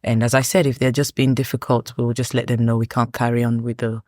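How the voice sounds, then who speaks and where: A woman's voice: extremely low pitch, little pitch movement, a little fast, darkish tone, no room sound. Female caterer guest, firm and direct, close dry sound. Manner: firm, speaks plainly about business. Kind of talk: casual interview chat.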